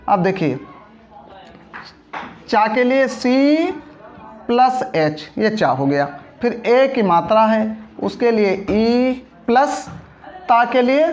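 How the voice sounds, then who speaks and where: A patient teacher talks through a spelling lesson at an unhurried pace. Each word is split into pieces and rebuilt, with frequent check-up questions to the class. The recording sounds dull and muffled. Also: medium pitch. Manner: patient, breaks words into syllables, asks check-up questions. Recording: dull lo-fi audio.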